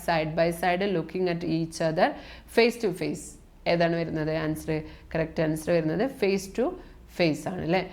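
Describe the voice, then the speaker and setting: Woman, Malayali accent, exam tutor, slow deliberate pace, reads options aloud, confirms each answer. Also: fairly low pitch. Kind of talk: reading out mock test questions and answers.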